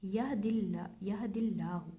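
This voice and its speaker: A woman's voice: medium pitch, unhurried, warm tone. A woman teaching a grammar lesson, stepping through examples methodically and repeating each check aloud.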